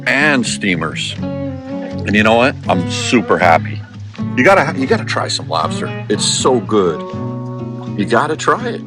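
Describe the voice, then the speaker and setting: A man's voice: lowish voice, big pitch swings, measured pace, over music. A middle-aged man hosting a travel vlog, chatting in an enthusiastic, rambling tour-guide way, filmed outdoors and at a seaside eatery on a handheld camera. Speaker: vlog host. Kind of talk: casual travel vlog narration.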